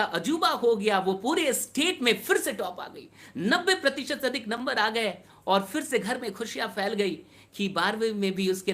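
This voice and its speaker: A man's voice: high voice, bright, forceful tone. A man telling a true-life story with emotion, repeating phrases for emphasis and speaking directly to his listeners. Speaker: motivational storyteller. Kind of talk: emotional storytelling to an online audience.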